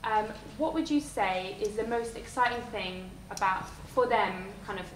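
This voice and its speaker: A woman's voice: medium pitch, normal speed. A woman in her thirties moderating a live panel discussion, friendly and hesitant, with many fillers. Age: 30s. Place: lecture hall. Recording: echoey hall, faint noise.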